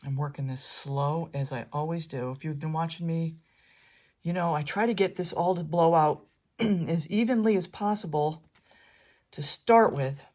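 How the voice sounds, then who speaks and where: A woman's voice: sits low, moderate pace, darkish tone. A woman hosting an art tutorial, chatting and thinking aloud as she works, sometimes dropping to a whisper. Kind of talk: casual tutorial narration.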